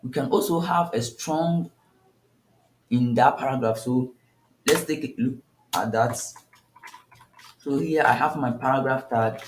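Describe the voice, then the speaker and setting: A man's voice: mid-range voice, a little slow, long pauses, slight background noise. A man teaching a coding tutorial step by step, thinking aloud and often restarting his sentences. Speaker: coding instructor. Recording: echoey room.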